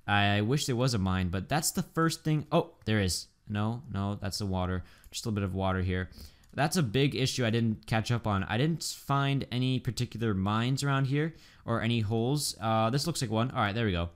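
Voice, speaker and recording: A man's voice: lowish voice, normal speed. A man giving casual, chatty let's-play commentary, upbeat and full of ums and likes. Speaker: gaming YouTuber.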